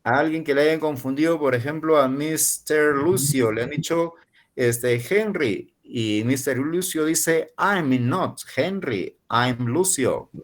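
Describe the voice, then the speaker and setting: A man in his forties, a university professor from Peru, teaching an online English class in Spanish and slowly repeating model phrases for learners. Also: on the high side. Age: 40s.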